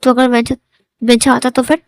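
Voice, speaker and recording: A woman voicing a devoted and possessive young man who answers in short, quiet replies. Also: fairly high pitch, level tone, a little fast, no echo, lightly acted. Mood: jealous.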